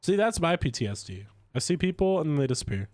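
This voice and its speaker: A man chatting casually while streaming a game, stuffy from a cold, rambling with lively swings in pitch. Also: fast, dry recording. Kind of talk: casual gameplay commentary.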